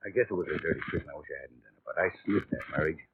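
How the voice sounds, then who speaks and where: A man's voice: a bass voice, rapid-fire. An actor playing a friendly, worldly male hotel house detective who talks in a chatty, confiding way, heard as an old AM radio broadcast. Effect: old AM radio broadcast sound. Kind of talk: 1950s radio drama acting. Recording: tinny, narrow-band old radio broadcast with faint hiss.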